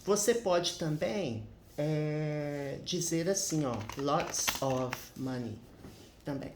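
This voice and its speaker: Slow chatty guy teaching english grammar, echoey room, faint background noise. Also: on the high side, a little mellow. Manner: chatty, frequent tag questions. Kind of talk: casual grammar lesson.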